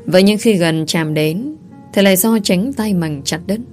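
A woman's voice: lowish voice, normal speed, a little mellow, soft background music. A woman reading a first-person story aloud, earnest and heartfelt. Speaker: audiobook narrator.

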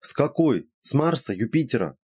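A brisk, skeptical woman friend, teasing and lecturing in a high, lively voice with a husky edge, as a male reader puts her on. The sound is dry and close. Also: dry recording.

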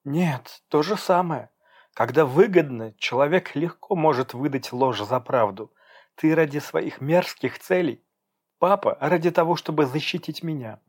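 Audiobook: male narrator playing a shrill, defiant young woman, pitched well up. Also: unhurried, breathy edge. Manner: shrill, agitated. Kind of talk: audiobook character voice.

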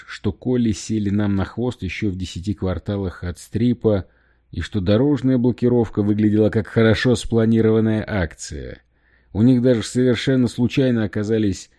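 Low, dark-toned defiant operative with a sarcastic bite, read by a male narrator; audiobook character voice. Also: close to an everyday voice. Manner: cool, cutting, sarcastic.

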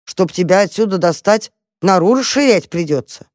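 A storyteller voicing a brave, curious young male mouse who talks briskly and takes charge. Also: medium pitch, no room sound, studio quality, lightly acted. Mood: eager, impatient. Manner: lively, bossy, impatient.

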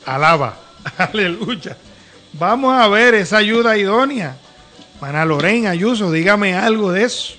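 Bright high-voiced preacher man. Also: expressive, soft background music. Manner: reads scripture slowly and emphatically, interjects praise. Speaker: preacher and program host. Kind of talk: preaching and Bible reading in a panel chat.

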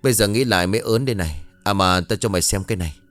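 A man's voice: on the low side, racing, fairly bright tone, faint music behind, close to an everyday voice. A man voicing a brash young man who swears freely and speaks bluntly. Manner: crude, swearing, brusque.

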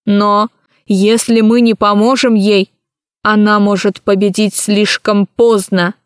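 A woman's voice: mid-range voice, level tone, slow pace, clean tone, no echo, studio quality, natural voice. A woman voicing a proud, dignified empress who speaks with stately scorn. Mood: solemn.

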